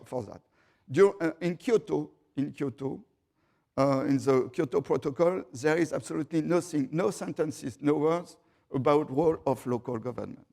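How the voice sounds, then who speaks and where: A man's voice: a little high, gravelly, a little mellow. A man giving a conference panel speech, hesitant, with many fillers and repeated words.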